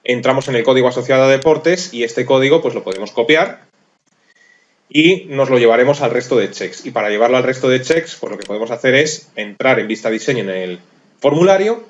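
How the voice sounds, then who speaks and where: A man's voice: mid-range voice, lively intonation, quick pace, highs cut off. Methodical man narrating a screencast. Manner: methodical, thinks aloud, self-deprecating about his typing. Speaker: programming course instructor. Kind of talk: screencast tutorial walkthrough.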